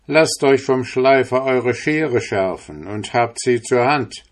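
Guy doing a preachy old priest, loud and worked up, slow heavy warnings. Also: mid-range voice, voice pushed up, lightly acted. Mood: zealous warning. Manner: preaching, urgent, declaiming. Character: stern, zealous male priest, older.

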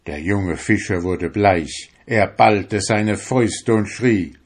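A man reading a fairy tale aloud in scripted storybook narration, slow and measured. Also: on the low side.

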